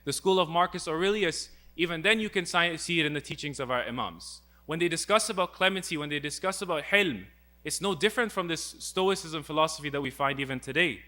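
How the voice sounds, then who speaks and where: A man's voice: on the high side, expressive, a little fast, pushed and bright. A young man giving a religious talk, earnest and full of rhetorical questions as he retells a story. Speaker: speaker.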